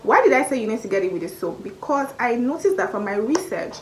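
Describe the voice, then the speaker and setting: A young woman in her twenties with a Nigerian accent, talking straight to camera in a casual beauty review, repeating key points and jumping up in pitch for emphasis. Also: big pitch swings, quick pace, slight background noise, low-quality recording. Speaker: beauty vlogger. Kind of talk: casual product review vlog. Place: small indoor room by a curtained window. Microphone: camera at arm's length, face framed close.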